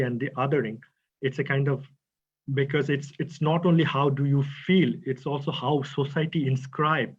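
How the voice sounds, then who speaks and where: A man's voice: medium pitch, a little mellow, breathy edge. A man giving an academic lecture over a video call, answering questions hesitantly with many fillers. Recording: dull lo-fi call audio.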